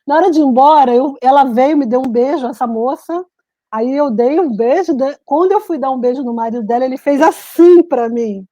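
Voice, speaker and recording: A Brazilian-born woman living in Switzerland telling stories in a lively, animated casual chat, laughing often. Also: high voice, fairly quick, dry recording. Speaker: guest, writer and journalist. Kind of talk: casual video-call chat. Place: home in Switzerland.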